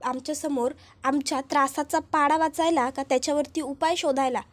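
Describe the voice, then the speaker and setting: A woman's voice: sits high, steady tone, a little fast, natural voice. Woman reading a boastful, brutish man. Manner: boastful, suspicious.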